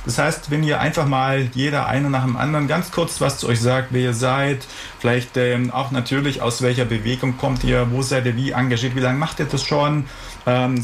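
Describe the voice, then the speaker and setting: Brief: male radio host, gravelly voice, chatty studio interviewer. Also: mid-range voice, a little hiss or hum. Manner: relaxed, chatty, rambling questions.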